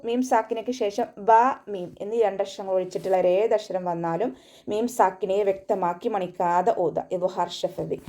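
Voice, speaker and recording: A woman's voice: medium pitch, fairly even intonation, dark tone. A woman giving an online tajweed lesson, patiently explaining each rule step by step. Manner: patient step-by-step instruction, slow melodic Arabic recitation between explanations. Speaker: Quran recitation teacher.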